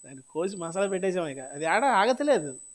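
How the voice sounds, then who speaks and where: Male pastor, Telugu accent, fairly high voice, dramatic sermon delivery, loud-to-soft swings. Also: very animated, brisk. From South India. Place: church hall.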